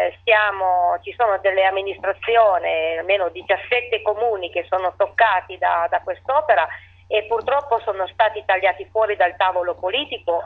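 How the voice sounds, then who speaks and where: A woman, a town mayor, answering interview questions over the phone in halting speech that often restarts its phrases. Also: mid-range voice. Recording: tinny phone line.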